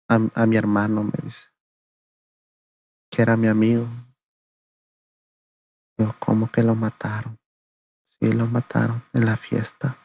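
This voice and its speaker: Gravelly man telling his story flatly. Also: medium pitch, no echo. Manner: gravelly, flat storytelling, often adding "le digo" and "¿verdad?". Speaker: interview guest giving testimony. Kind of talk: conversational testimony.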